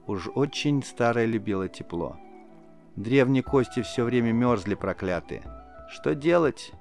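A man narrating a fantasy audiobook in a measured, scripted way. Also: medium pitch, a little mellow, soft background music.

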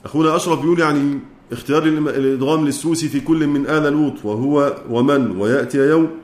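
A man's voice: on the high side, fairly even intonation, rapid-fire, darkish tone, echoey room. A man with an Egyptian Arabic accent lecturing on Quran recitation, explaining step by step and asking his students questions he then answers himself. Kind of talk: teaching a lesson.

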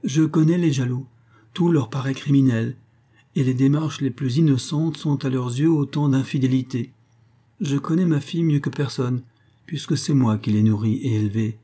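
A man's voice: medium pitch, normal speed, mellow, natural voice. A man reading the part of an older mother who earnestly pleads with her sons to spare her daughter. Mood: pleading.

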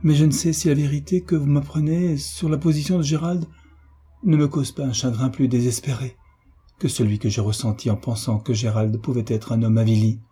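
Man doing a raised-voice anguished young lady, audiobook, husky. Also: medium pitch, fairly even intonation, fairly quick, dark tone, voice pushed up. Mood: bitter. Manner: trembling, pleading. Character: anguished proud young woman. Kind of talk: audiobook character reading.

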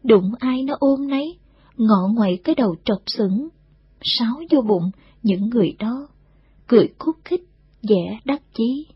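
A woman narrating a novel as an audiobook reading in a steady storytelling way. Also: a little high, unhurried, husky, no room sound. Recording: dull, dry recording.

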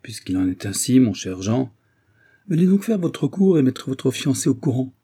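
A man reading aloud as an aged French marquis, grave and measured in an audiobook. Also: mid-range voice, sing-song, mellow, slightly rough, pitched above the performer's own voice. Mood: earnest.

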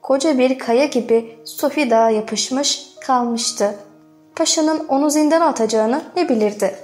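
A woman narrating a literary novel as an audiobook, reading in a measured, dramatic way. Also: sits high, a little mellow, soft background music.

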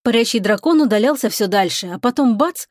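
A woman narrating a science fiction audiobook chapter in an even, measured storytelling voice. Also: on the high side, no room sound, studio quality.

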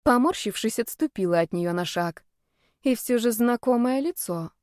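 Woman audiobook narrator, first-person fantasy, brisk, sardonic, slightly high, dry and close. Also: expressive, darkish tone, dry recording.

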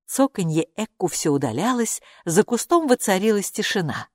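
A woman narrating a children's storybook with expressive, lively delivery. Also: medium pitch, normal speed, no echo, studio quality. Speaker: audiobook narrator.

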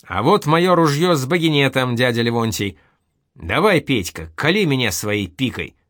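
A man's voice: mid-range voice, sing-song, normal speed, a bit bright, no echo, clean studio sound. A man voicing an eager young soldier who speaks heatedly and proudly. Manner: heated, boastful.

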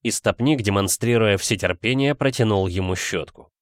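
A man reading a story aloud as narrator in a measured, even way. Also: on the low side, dry recording, studio quality. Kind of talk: audiobook narration.

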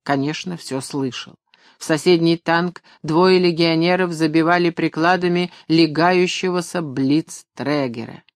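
A man reading a novel aloud in an even, measured storytelling voice. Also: on the high side, no room sound, studio quality. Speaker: audiobook narrator. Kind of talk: scripted narration.

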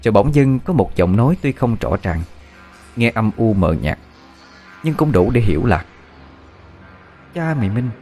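A man narrating an audiobook story in a steady storytelling manner. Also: lowish voice, normal speed. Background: faint background music.

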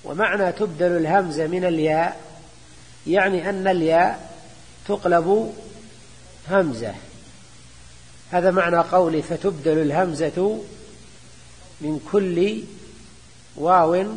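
An older man teaching grammar in a classroom lecture, explaining slowly and repeating terms, sometimes answering students. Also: high-pitched, slightly rough. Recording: echoey hall recording.

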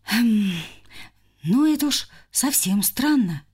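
A woman voicing a fussy young male hamster who shouts stern commands to stop a quarrel. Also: a little high, expressive, takes it slowly, husky, full character voice. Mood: puzzled.

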